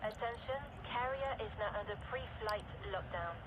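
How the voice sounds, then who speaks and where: A calm female ship computer makes formal, measured announcements over a loudspeaker. Her voice sits a little high and rings through a long, echoing hall. Loud engine noise hums behind her. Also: narrow, tinny audio.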